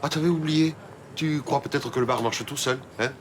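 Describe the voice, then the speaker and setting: A man's voice: fairly high pitch, fairly quick, background noise, natural voice. An actor playing a weary bar owner who grumbles and scolds his partner, in a TV soap drama. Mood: angry. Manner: reproachful, exasperated.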